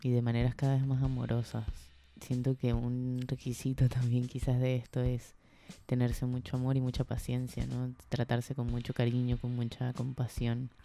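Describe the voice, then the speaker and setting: Podcast host, man, warm gravelly tone, gentle and encouraging. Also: medium pitch, monotone, moderate pace, slight background noise. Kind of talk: reflective casual monologue.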